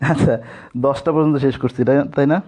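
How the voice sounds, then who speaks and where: A man's voice: mid-range voice, steady tone, fast talker, a little mellow. A young man teaching an online coaching class, explaining step by step and asking his students questions, with casual asides.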